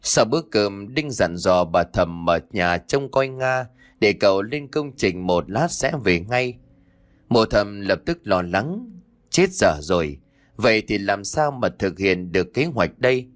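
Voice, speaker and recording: A man narrating a ghost story in a lively storytelling manner. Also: lowish voice, unhurried, no room sound, clean studio sound.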